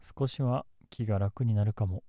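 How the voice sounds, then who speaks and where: A man playing a gentle, melancholy young man in love, in a soft, intimate ASMR role-play close to the mic. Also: fairly low pitch, moderate pace, no echo, lightly acted. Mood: gentle, musing. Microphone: close ASMR microphone in a dry space.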